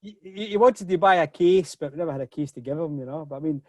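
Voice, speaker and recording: A man's voice: a little high, quick pace, darkish tone, no echo. Chatty man hosting a whisky tasting. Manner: chatty, repeats words when starting sentences. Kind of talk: casual online tasting talk.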